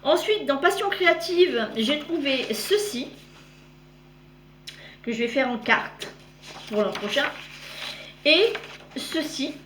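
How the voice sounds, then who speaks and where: Speaking slowly and with frequent pauses, a woman with a high, animated voice shows off her cross-stitch in a casual, wandering vlog, often restarting sentences and affectionately calling viewers "girls." There's a roomy echo and slight background noise.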